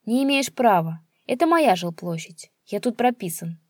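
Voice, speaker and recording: A woman's voice: unhurried, mellow, husky, dry recording, clean studio sound. A woman voicing a spiteful old male pensioner who screeches and jeers at his son. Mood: abusive. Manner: shrill, screeching, jeering.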